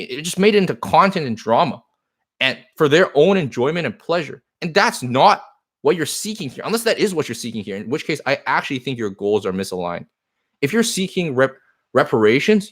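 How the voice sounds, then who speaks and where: A card shop owner whose first language is Chinese answers viewers' comments on a live stream. His medium-pitched voice sounds earnest, and he rambles and repeats himself a lot.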